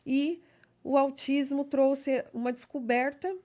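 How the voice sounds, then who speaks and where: Woman, interview guest, slightly high voice, careful and somewhat hesitant delivery. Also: fairly even intonation, slow pace, darkish tone. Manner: explains carefully, often adding a checking "né?". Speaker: guest, legal assistant. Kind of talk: personal conversational interview.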